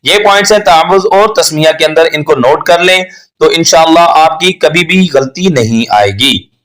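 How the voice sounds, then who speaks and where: A man teaching tajweed pronunciation, patiently correcting mistakes and slowly stretching out recited examples. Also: fairly high pitch, a bit bright. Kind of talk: tajweed lesson with slow demonstrations.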